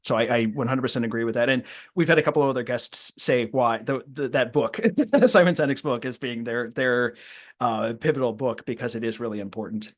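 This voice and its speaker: A man's voice: mid-range voice, brisk. A man hosting a podcast interview, talking casually and reflectively, often repeating words as he thinks aloud. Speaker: podcast host.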